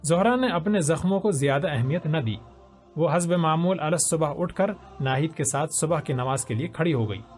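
Expressive male storytelling narrator. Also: a little high, soft background music. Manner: expressive, dramatic.

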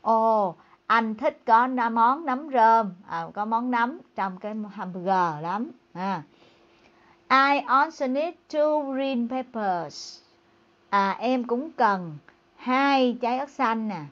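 A woman English teacher giving a bilingual lesson. She reads dialogue lines slowly and clearly, then explains them in a chatty tone. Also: fairly high pitch, lo-fi sound.

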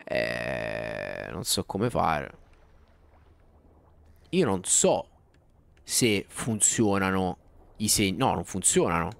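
A man's voice: low voice, slow, gravelly, pauses often. A man casually commenting on his gameplay live, slangy and talking to his chat. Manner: animated, slangy, talks to chat. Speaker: streamer. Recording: faint background music.

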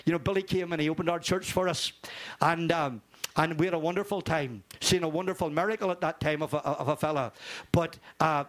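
A man's voice: on the high side, fairly even intonation, a little fast. An older man preaching an informal sermon, fervent and rambling, dropping in amen and hallelujah. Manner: rambling, repeats words.

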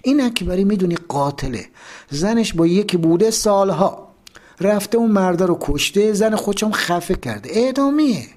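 A kind, matter-of-fact prison duty officer, as a male narrator puts him on in a spoken memoir. He explains in a plain, reassuring manner, with a somewhat high voice that moves through a lively range.

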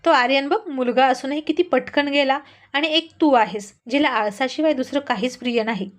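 A woman voicing an affectionate mother and wife who gently teases her husband and daughter. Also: sits high, normal speed, natural voice. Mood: scolding. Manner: laughing, gently teasing.

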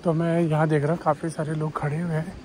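A man's voice: on the high side, level tone, fast, a little mellow, a little hiss or hum. A man in his thirties from India, chatting casually to viewers as a travel vlogger at an outdoor riverside campsite. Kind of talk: casual vlog narration. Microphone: camera mic at a distance. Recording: music bed behind voice.

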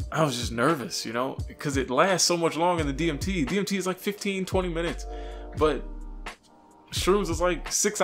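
A young man telling a story casually to camera in an expressive, slangy way, acting out reactions. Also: fairly high pitch. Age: young adult. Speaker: vlogger. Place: small furnished room with couch, indoors. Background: music.

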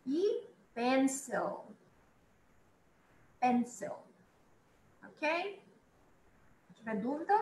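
A woman's voice: fairly high pitch, a bit bright, a little hiss or hum. Chatty woman teaching beginners in echoey room. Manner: chatty, repeats words slowly for students. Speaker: English teacher. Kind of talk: online English lesson for beginners.

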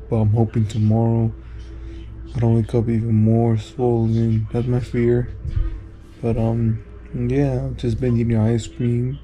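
A man's voice: medium pitch, warm tone. A young adult man chatting casually to his camera as a vlogger, laid-back and slangy, his speech slightly thick and slurred. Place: small clinic room, car and bedroom. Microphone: camera at arm's length. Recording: noisy handheld camera audio with room ambience.

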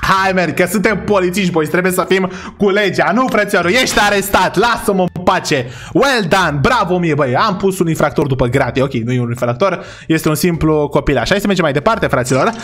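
Excitable high-voiced young Romanian gamer. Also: male voice, few pauses. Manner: excitable, chatty, addresses viewers as brothers. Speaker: gaming YouTuber. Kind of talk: gameplay commentary.

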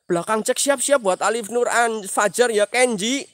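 A man's voice: very high voice, normal speed, a bit bright, no room sound. A man hosting a live paranormal stream outdoors at night, chatting to viewers, thanking them by name and mixing in regional slang. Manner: chatty, reads viewer names, mixes Javanese slang, sudden exclamations.

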